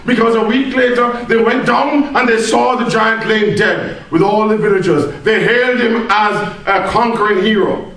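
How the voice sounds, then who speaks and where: A woman with a high-leaning, fairly bright voice speaks at a moderate pace. Telling a comic tall tale live to an audience at a speech club, she plays it theatrical and mock-earnest; the indoor room is very echoey and the microphone distant.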